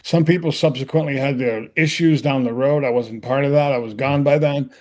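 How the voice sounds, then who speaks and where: A man, an actor appearing as a podcast guest, telling stories in a lively way and acting out both sides of a conversation. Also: medium pitch, brisk. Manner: animated storyteller who acts out both sides of a conversation. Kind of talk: casual interview storytelling.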